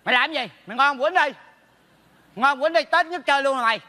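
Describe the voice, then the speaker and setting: An actor playing a blunt, meddling neighbor friend in a stage comedy sketch, teasing and scolding fast. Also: male voice, very high voice, bright, forceful tone, in a large hall. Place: theater stage.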